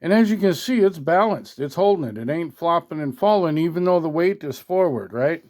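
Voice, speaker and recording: This man's voice is fairly high and darkish, animated and fairly quick. A radio hobbyist who reviews products, he demonstrates one hands-on at an indoor workbench, recorded on a handheld phone, in a casual, colloquial, mildly salty, folksy style.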